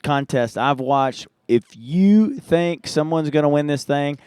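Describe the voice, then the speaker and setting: Clear-voiced man hosting contest commentary. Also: a little high, expressive, unhurried, a little mellow, dry recording, clean studio sound. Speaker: live stream commentator, host. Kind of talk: casual event commentary.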